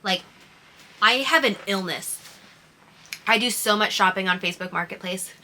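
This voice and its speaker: Bright-voiced American woman with soft w-like R's. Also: mid-range voice, normal speed, slight background noise. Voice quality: speech impediment on R sounds, says w for r. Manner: gushing, informal, emphatic. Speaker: sewing vlogger. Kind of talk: casual chatty vlog.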